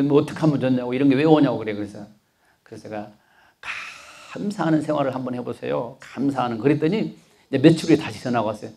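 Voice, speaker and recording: Lively high-voiced man lecturing. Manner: folksy, joking, asks the audience to repeat after him. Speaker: doctor giving a health talk. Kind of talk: lively lecture to older listeners.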